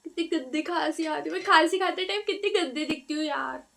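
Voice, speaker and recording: A woman's voice: sits high, a little fast, vocal fry, fairly bright tone. A young woman telling casual storytime stories in a chatty vlog, feeling weak and feverish. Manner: chatty, exclaiming, frequent fillers and repeats. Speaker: vlogger.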